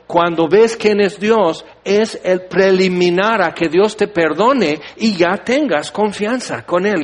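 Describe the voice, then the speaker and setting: High-voiced preacher, lively. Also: male voice. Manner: animated, acts out biblical figures with humor. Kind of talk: sermon.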